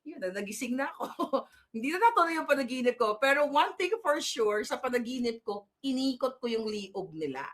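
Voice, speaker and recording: A woman's voice: high voice, animated, moderate pace, fairly bright tone. A woman vlogger telling a long story in a casual, rambling way, with many fillers and restarts and laughs at her own tale. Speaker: political vlogger.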